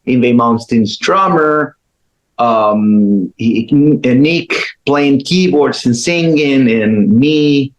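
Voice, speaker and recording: Man, middle-aged, guest guitarist, easygoing storytelling, pauses and restarts. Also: medium pitch, poor audio. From Chile. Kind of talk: casual interview talk.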